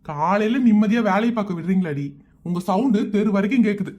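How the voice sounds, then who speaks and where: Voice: medium pitch, a little fast, a little mellow, lightly acted. A performer voicing an easygoing father in a cartoon family comedy who grumbles and brushes off the fuss. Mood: grumbling. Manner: grumbling, dismissive.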